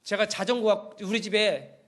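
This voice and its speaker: A middle-aged man with a high voice preaches from the pulpit. He tells stories and acts out phone calls in an animated way. His voice rises and falls often as he goes. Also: normal speed. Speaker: pastor. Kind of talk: sermon.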